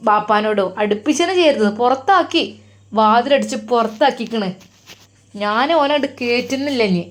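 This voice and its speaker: A woman playing a grumbling, fretful mother with a Malappuram accent. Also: fairly high pitch. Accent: Malappuram Malayalam. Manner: complaining, fretful. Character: anxious grumbling middle-aged mother.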